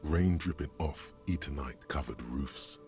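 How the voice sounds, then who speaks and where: A man voicing a brooding inner-voice narrator in a video game, speaking slowly and somberly. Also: a bass voice, a little mellow, soft background music. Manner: slow, somber, gravelly. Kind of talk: scripted narration.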